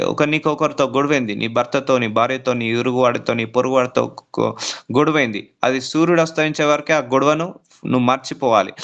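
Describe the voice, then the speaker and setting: A man's voice: medium pitch, creaky, fairly bright tone, highs cut off. Emphatic preaching man, rising to peaks. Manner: repetitive, rising emphatic preaching with rhetorical questions; mixes English words into his speech. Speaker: pastor. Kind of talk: sermon.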